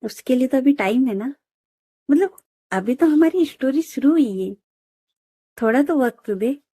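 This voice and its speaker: A woman's voice: high voice, animated, a little slow, warm tone, breathy edge, dry recording, clean studio sound, full character voice. A woman voicing a cheeky, playful young female friend in a storybook reading. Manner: playful, pleading. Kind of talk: storybook narration.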